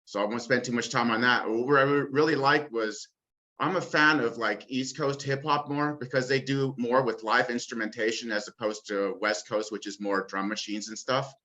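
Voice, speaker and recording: A man's voice: mid-range voice, fairly even intonation, normal speed, pushed and bright. A man giving effusive feedback to another guest on a video call, with loose fillers. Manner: effusive, uses filler like "I mean, come on". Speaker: guest musician. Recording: dull lo-fi call audio.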